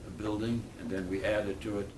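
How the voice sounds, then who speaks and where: A guest speaker, an older Polish man whose first language is Polish, addresses schoolchildren in a talk and Q&A. His voice is deep and low, and he speaks earnestly but haltingly, often breaking off to start a phrase over. He sits well back from the mic in a school room, recorded from a distance amid steady background noise.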